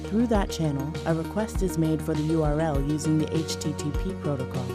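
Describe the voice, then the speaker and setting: A woman reading a scripted explainer as narrator, measured and precise. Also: sits low. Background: background music.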